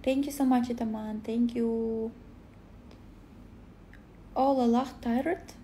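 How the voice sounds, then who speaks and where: Woman, tired and sleepy, casual livestream chat, phone mic, halting speech with many fillers, slightly high voice. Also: fairly even intonation, mellow, a little hiss or hum. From Belarus. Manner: halting, searching for words, many pauses with "eh".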